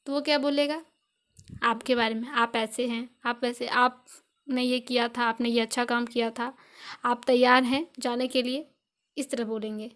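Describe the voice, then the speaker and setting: A woman's voice: sits high, fairly bright tone. A young Indian woman teaching English grammar in a video lesson, patiently repeating each point with examples.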